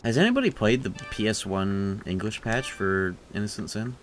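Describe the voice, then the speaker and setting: A man's voice: on the low side, expressive, moderate pace, faint music behind. A man streaming a video game, chatting casually and rambling into rants with plenty of swearing. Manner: rambling, ranty, swears freely. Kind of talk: casual livestream chat.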